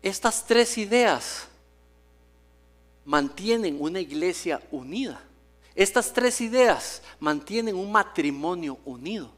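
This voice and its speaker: High-voiced man preaching a sermon. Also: expressive, slow pace, fairly bright tone, soft background music. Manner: storytelling with humor, acts out quoted voices. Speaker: pastor. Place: church sanctuary.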